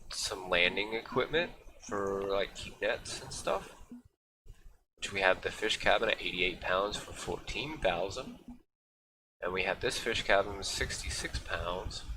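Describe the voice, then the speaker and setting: Low-voiced guy streaming a game, rambles a lot with ums, steady noise underneath. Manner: rambling, filler-heavy, thinking aloud. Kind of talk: casual live-stream gameplay commentary.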